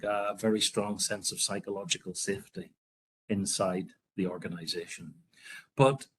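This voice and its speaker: Male webinar presenter, low husky voice, measured and reflective. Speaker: healthcare leader presenting.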